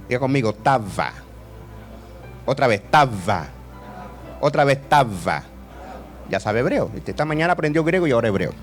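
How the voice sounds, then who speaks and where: A man in his fifties preaching a sermon in a lively way, joking and asking the audience questions. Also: medium pitch. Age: 50s.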